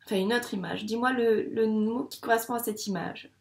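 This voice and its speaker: A woman teaching a phonics lesson to young children, patient and repeating each sound slowly while asking questions. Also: fairly high pitch, fairly even intonation, gravelly, a little mellow, roomy sound, a little hiss or hum. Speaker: primary school teacher.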